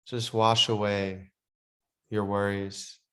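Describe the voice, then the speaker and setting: Calm low-voiced man guiding meditation. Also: clean tone. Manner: slow, soothing spoken instructions; softer and quieter in relaxation passages. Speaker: meditation guide. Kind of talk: guided breathwork meditation.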